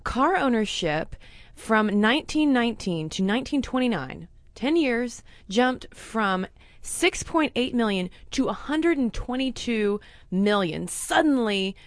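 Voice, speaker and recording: A woman's voice: a little high, expressive, unhurried, no room sound. A woman co-hosting a casual chat, reading out facts and figures with playful asides. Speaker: podcast co-host.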